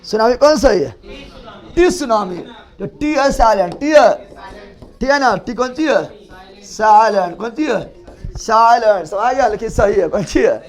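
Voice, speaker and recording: A man teaches a class, speaking in a very high voice. He repeats each key word again and again and quizzes his students in loud call-and-response. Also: lively intonation, measured pace, long pauses. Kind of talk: classroom lecture.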